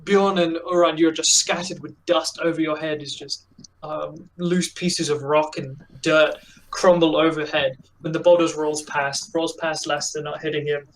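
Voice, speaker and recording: A man narrating as dungeon master in an online tabletop game, halting with many ums and uhs. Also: fairly high pitch, distant mic, poor audio. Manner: relaxed, halting with many fillers.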